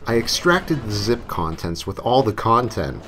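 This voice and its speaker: A man with a lowish, very animated voice reads a scripted story as narrator at an unhurried pace, treating it tongue-in-cheek and sometimes hamming up his lines. The background is noisy, with novelty songs and game music playing behind him.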